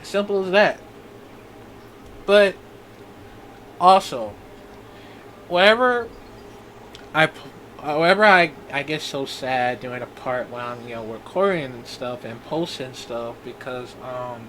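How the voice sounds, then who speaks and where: A man in his twenties talking in a personal video diary, halting and rambling with many restarts. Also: medium pitch, animated, a bit bright, slight background noise, poor audio. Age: 20s. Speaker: vlogger.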